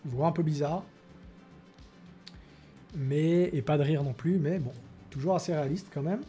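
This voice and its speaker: A man hosting a tech video in a casual demo style, pausing often with filler words. His voice is slightly high but mellow, and faint music runs underneath. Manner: explanatory, many fillers.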